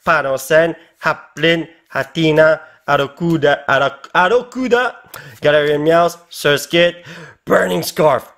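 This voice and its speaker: Hyped young québécois dude opening cards, voice jumping all over, kinda high. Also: male voice. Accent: Québécois French. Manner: excitable, mixes English exclamations into French. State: tired. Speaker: YouTuber. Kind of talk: casual card-opening vlog.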